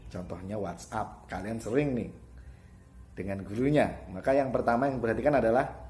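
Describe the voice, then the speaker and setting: A man's voice: fairly low pitch, moderate pace, warm tone, faint music behind. A man teaching students in an online lesson, explaining each point and repeating the key terms.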